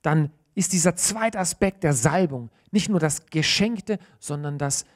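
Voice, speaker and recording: A man in his thirties preaching a sermon in church, earnest and animated, often restarting mid-phrase. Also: a little high, measured pace.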